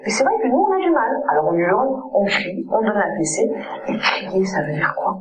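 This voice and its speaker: A woman's voice: mid-range voice, very animated, a little fast, poor audio. A woman child psychologist giving an earnest conference lecture and often checking in with her audience.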